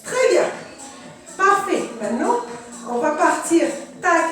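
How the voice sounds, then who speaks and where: A woman leading an aerobics class, counting repetitions aloud and calling out short, energetic, encouraging cues. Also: very high-pitched, slow. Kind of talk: group fitness coaching, counting repetitions aloud. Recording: echoey room, distant mic, music playing. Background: music.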